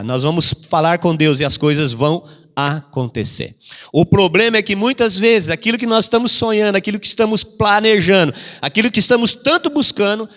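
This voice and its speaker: A man preaches in a high voice and hammers his key phrases again and again. He briefly acts out the voices of the people he quotes. The sound rings with the long reverb of a church hall. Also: a bit bright. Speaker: pastor. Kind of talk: sermon.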